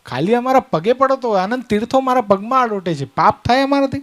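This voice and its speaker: A man's voice: extremely high pitch, animated, brisk, a bit bright, voice pushed up. A man voicing a proud, self-righteous male holy man who is offended at being questioned. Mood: indignant boast. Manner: indignant, proud.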